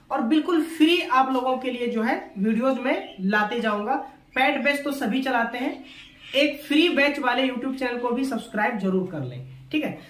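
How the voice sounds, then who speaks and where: A man teaching an online exam-prep language lesson, asking questions and answering them himself, repeating key points. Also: very high voice. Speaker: Hindi teacher. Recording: echoey room with faint noise.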